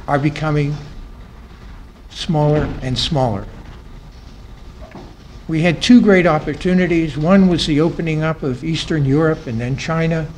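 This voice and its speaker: Male panel speaker with a slightly high voice, lecturing a live audience. His phrase endings fade, and he repeats points for emphasis. Faint room noise. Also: a little mellow, low-quality recording. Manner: voice drops and trails off at the ends of phrases; emphatic repetition of key phrases. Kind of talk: academic talk to a live audience. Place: conference room.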